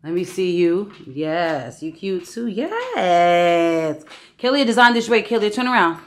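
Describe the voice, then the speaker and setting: Her voice sits fairly low, moves at a measured pace and swings widely in pitch. She's a vlogger and mother in her thirties, casually narrating on a handheld camera and playing with her baby and kids as they move through a hotel room, lobby and city streets.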